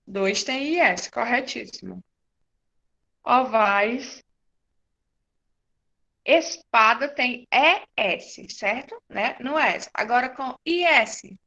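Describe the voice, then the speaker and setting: A woman teacher, giving a patient, slow-paced class to young children and confirming their answers. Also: fairly high pitch, animated, pushed and bright. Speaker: primary school teacher.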